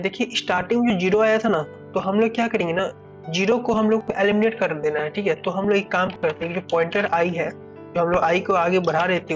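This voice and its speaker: In lo-fi sound, a high-voiced man tutors a coding problem, going step by step. His teaching is think-aloud, full of restarted phrases and repeated "ठीक है."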